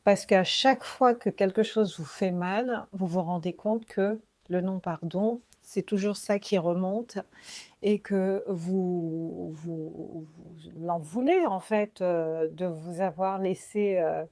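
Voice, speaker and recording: A woman in her forties from French Guiana, hosting a podcast and sharing a personal faith testimony in a slow, reflective, earnest way. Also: lowish voice, a little mellow, dry recording. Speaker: podcast host.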